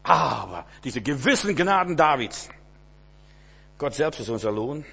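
Fervent male preacher, loud then hushed. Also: very animated, unhurried, vocal fry, husky, big-room sound. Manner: dramatic swings between loud emphatic cries and low hushed asides; repeats words and phrases for emphasis. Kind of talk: sermon.

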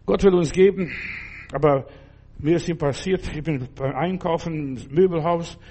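Man, preacher, slightly high voice, exhorting sermon, repeated phrases. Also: normal speed, husky. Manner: exhorting, repetitive, acts out prayers in hushed tones.

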